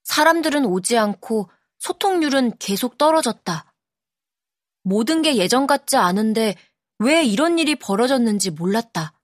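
Woman narrator, audiobook, calm measured reading, slightly high voice, dry close studio sound. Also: no echo. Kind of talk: scripted narration.

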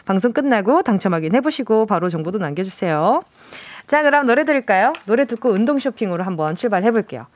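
A woman's voice: medium pitch, expressive. A woman radio DJ in a studio, playfully chatting and reading out listener messages. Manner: playful, chatty, reads listener texts with quick reactions. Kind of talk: casual radio show chat. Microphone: studio mic.

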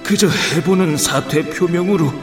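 An actor playing a humble but resolute Joseon chief minister, reading a court petition in slow, measured, deferential archaic speech. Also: male voice, fairly high pitch, close to an everyday voice. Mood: solemn, earnest. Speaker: voice actor in a historical reenactment. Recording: echoey with faint music underneath.

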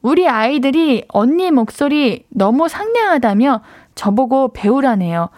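A woman's voice: sits high, big pitch swings, unhurried, darkish tone, no echo, studio quality. A young woman hosting a radio show, reading listener messages in a friendly, playful, chatty way. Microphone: studio microphone.

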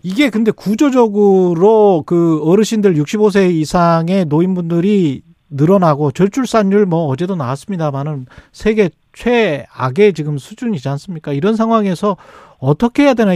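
Man, radio interviewer, slightly high voice, brisk questions, short backchannels, dry studio sound. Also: expressive, warm tone, dry recording.

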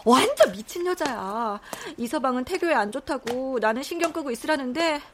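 An actress in her thirties playing a blunt, quick-tempered pregnant wife. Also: sits high, expressive, a bit bright, a little hiss or hum. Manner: blunt and exasperated.

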